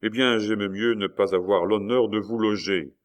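A man reading aloud and voicing an insolent, cool-headed innkeeper who mocks his guests slowly. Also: on the low side, steady tone, close to an everyday voice. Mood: mocking. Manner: phlegmatic, slow, mocking.

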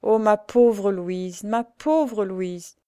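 Brief: desperate grieving young woman, slow anguished pleading, read by a woman; mellow tone, dry audiobook. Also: fairly high pitch, no echo, pitched above the performer's own voice, lightly acted.

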